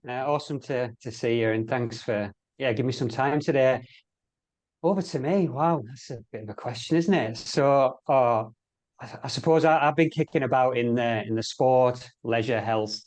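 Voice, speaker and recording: This is another middle-aged man from England with an English accent, a guest from sport and health chatting casually in an interview. His darkish voice sits at medium pitch, and he hesitates and repeats words as he talks.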